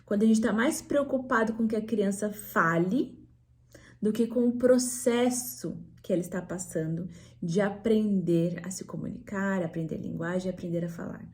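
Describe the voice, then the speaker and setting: A Brazilian woman speaking as a speech therapist to parents. Her voice is soft and mellow, at an ordinary middle pitch. She explains in a patient, didactic way, tagging her points with quick checks to the listener. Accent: Brazilian Portuguese. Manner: didactic, frequent "né?" and "tá?" tag questions. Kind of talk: educational talk to parents.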